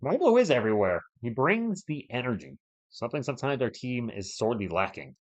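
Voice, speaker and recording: With highs cut off from the audio, a man's mid-range, sing-song voice comes through fairly quick as he hosts a live sports stream while a bit under the weather. He delivers casual fan play-by-play and playfully chats with viewers, calling them by name.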